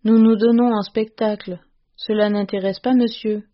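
A woman's voice: medium pitch, fairly even intonation, normal speed, muffled recording, natural voice. A woman reading the lines of a timid, stammering young husband in an audiobook story, in a meek, pleading way.

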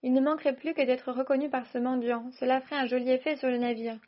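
A woman reading as a sharp, scolding mother. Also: high voice, fast, husky, highs cut off. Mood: furious. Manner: curt, reproachful delivery. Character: middle-aged mother, sharp, scolding, anxious.

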